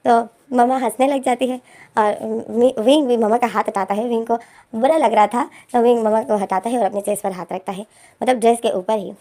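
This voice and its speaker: A woman's voice: fairly high pitch, mellow. A woman retelling a fan-fiction story in a chatty, casual way, with fillers and restarts.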